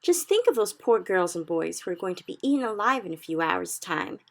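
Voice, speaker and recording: A woman reading as a spirited young orphan girl who cries out her lines high and loud. Her voice swoops with lively emphasis and keeps a slight gravelly edge. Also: normal speed, full character voice. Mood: pleading. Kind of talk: storybook reading.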